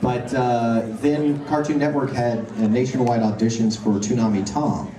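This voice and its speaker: A man answering fan questions at a convention panel, telling animated anecdotes and acting out the voices of people in his stories. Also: mid-range voice, normal speed, a crowd in the background. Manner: animated anecdotal storytelling, acts out quoted voices. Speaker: convention panel guest voice actor. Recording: roomy hall, recorded from far off.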